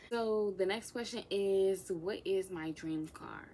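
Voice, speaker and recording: A sassy twenty-year-old woman talks to camera in a casual get-to-know-me vlog. She teases her viewers, drops into hushed whispered asides, and speaks at a middling pitch over a faint background hiss. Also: slow. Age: 20s. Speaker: vlogger.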